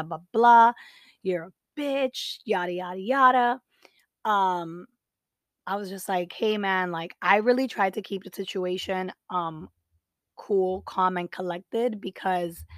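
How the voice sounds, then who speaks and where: A woman's voice: fairly low pitch, no echo. A young woman hosting a podcast, telling a personal story in a casual, chatty way with lots of fillers and acted-out quotes. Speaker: podcast host.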